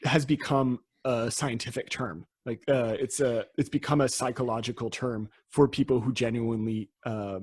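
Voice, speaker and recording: A man from Canada chatting loosely on a podcast about folklore topics. His voice is a little husky, and he laughs easily and trips over his own starts. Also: medium pitch, steady tone, normal speed, hardly any pauses, darkish tone. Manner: laughs often, restarts and hedges. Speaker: podcast co-host. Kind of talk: casual podcast chat.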